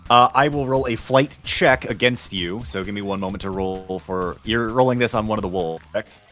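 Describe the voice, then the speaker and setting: A man running a tabletop role-playing game as game master, narrating in a measured, formal manner. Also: lowish voice, a bit bright. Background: music.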